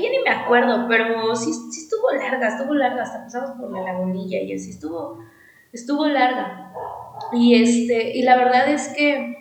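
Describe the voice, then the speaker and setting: High-voiced woman, chatty Mexico City host. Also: reverberant, poor audio. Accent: Mexico City Spanish. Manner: rambling, slangy, lots of fillers. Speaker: podcast host. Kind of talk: casual personal storytelling.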